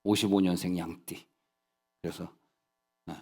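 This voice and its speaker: A man's voice: low-pitched, flat delivery, measured pace, mellow, slightly rough. A male senior pastor preaching a sermon in a church sanctuary, telling humorous stories and checking in with the congregation. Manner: folksy storytelling, humorous asides, rhetorical check-ins. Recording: long hall reverb.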